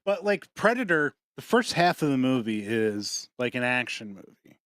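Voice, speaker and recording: A man's voice: medium pitch, big pitch swings, fairly bright tone, no room sound, studio quality. Rambling, swearing male podcast host. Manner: rambling, swears often, quick laughs. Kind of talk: casual chat.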